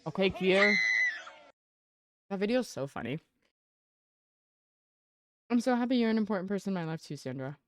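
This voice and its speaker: A woman's voice: mid-range voice, lively intonation, moderate pace, long pauses, no echo. A young adult woman streaming live, chatting casually with her chat while gaming and greeting viewers by name.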